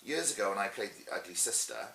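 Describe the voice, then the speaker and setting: A man's voice: on the low side, lively intonation, fast, vocal fry, sharp tone. A middle-aged man telling anecdotes in an interview as a pantomime performer, chatty, theatrical and emphatic. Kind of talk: animated anecdotal interview talk. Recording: roomy echo with faint hiss.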